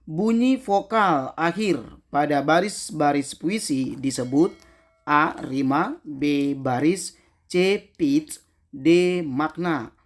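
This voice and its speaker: Slow, deliberate quiz-reading tutor. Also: mid-range voice. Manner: slow, deliberate reading of answer options, tag "ya" after answers. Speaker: teacher. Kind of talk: reading and explaining quiz questions.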